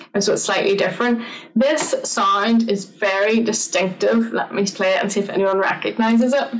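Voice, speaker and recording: Woman, wildlife talk presenter, chatty and informal, mid-pitched, heard a little way off the mic. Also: far from the mic, low-quality recording. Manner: chatty, filler-heavy, friendly explaining. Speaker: conservation officer giving an online talk.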